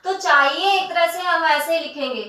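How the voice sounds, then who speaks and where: A woman teacher giving a spelling lesson. She speaks patiently, calls her students "beta", and spells words out slowly, syllable by syllable. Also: extremely high pitch, sharp tone. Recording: echoey room, voice from the mic at a distance.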